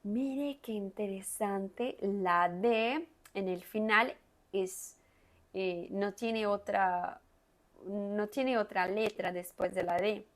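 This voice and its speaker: Woman language teacher, unhurried and careful, repeats words and leans hard on each sound for learners to copy. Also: medium pitch. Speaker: Spanish teacher. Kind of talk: guided reading lesson with pronunciation drills.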